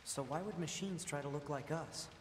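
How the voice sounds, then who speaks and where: A man's voice: a little high, moderate pace, a little hiss or hum, natural voice. An actor playing an earnest young male android scout in a video game, speaking in a thoughtful, questioning way. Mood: curious. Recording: reverberant game audio with faint ambience.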